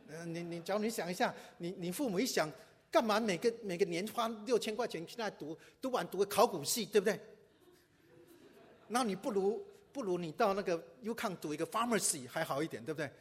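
Brief: male pastor, quick conversational sermon, husky voice, long hall reverb. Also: sits high. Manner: conversational preaching with rhetorical questions and English asides.

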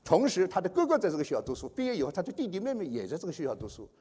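A man preaching a testimony sermon, telling a story and acting out the dialogue with big swings in pitch and loudness. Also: huge pitch swings, rapid-fire, husky.

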